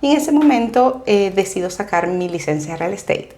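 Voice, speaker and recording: Telling her story as an interview guest, this woman from Venezuela speaks with a Venezuelan accent in a mid-range voice at a fairly quick pace. She's animated, laughing while she shares anecdotes in the conversation.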